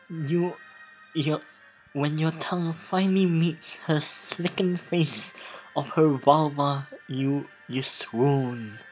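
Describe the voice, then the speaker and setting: Here a let's play host with a medium-pitched voice reads game text dramatically, breaking off for asides and often repeating or restarting phrases. The audio is poor, with music behind the voice.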